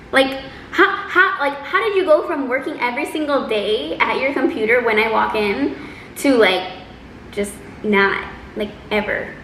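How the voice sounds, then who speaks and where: A woman telling a personal story in a casual, chatty, animated way, acting out quotes as she goes. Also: fairly high pitch, a little slow. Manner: animated, exaggerating delivery with acted-out quotes. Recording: roomy echo, faint background noise.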